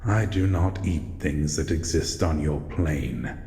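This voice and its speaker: A male actor voices a lonely, solitary shadow monster in a scripted audio roleplay addressed to the listener, using an extremely low, mellow voice. He's slow, formal and measured, guarded yet courteous and reassuring, and calls the listener "human". The recording is echoey, with long, heavy reverb and faint noise.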